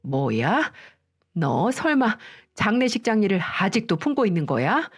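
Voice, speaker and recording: A furious middle-aged mother-in-law, as a woman reads her lines in a storytelling radio show, scolding loudly. Soft music plays faintly behind the voice. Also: mid-range voice, very animated, a little slow, slightly rough, exaggerated voice. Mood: suspicious. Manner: shouting, scolding.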